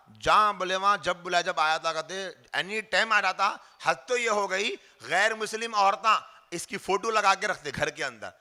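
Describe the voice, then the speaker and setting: Bright high-voiced man giving a talk. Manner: lively, questioning the listeners and answering himself. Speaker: religious speaker. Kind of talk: informal religious talk to a group.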